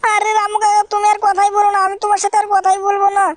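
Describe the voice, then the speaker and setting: A woman voicing a mischievous, hot-tempered little boy in a fan-dubbed game video, talking in a shrill, whiny way. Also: completely flat delivery, rapid-fire, dry recording. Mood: excited.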